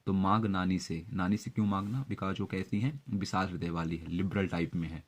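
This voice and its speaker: A man's voice: low voice, steady tone, a little fast. A young man teaching exam vocabulary step by step, with frequent filler sounds and memory tricks. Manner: explains word tricks step by step, many fillers. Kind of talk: exam-prep vocabulary lesson.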